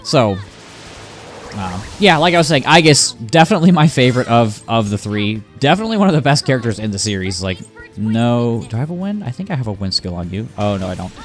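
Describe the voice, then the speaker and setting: Animated rambling game streamer, man. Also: medium pitch, fairly quick, soft background music. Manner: rambling, animated, laughs often. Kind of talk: casual gameplay commentary.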